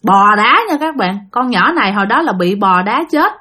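A woman's voice: medium pitch, normal speed. A woman with a Southern Vietnamese accent telling a ghost story, talking straight to her listeners. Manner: animated, talks straight to listeners. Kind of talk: spoken ghost story narration.

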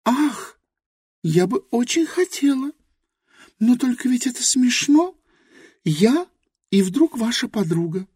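A woman voicing a timid, childlike young girl in an audiobook, with a soft, plaintive and pleading manner. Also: a little high, very animated, slow pace, long pauses, husky, no room sound, clean studio sound, full character voice. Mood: wistful. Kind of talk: audiobook character reading.

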